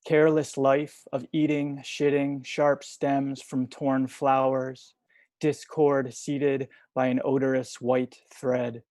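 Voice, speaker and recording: Soft-spoken man reading poems, flat delivery. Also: medium pitch, slow, no room sound. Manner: soft-spoken, hesitant with fillers between readings. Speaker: poet reading at a livestream. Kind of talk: poetry reading. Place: home, video call.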